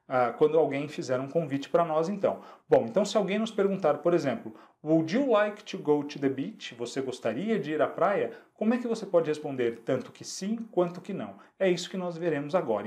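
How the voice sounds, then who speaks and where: A Brazilian man teaching an English lesson online, speaking Portuguese and repeating English phrases slowly and clearly for students to follow. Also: a little high, a little mellow.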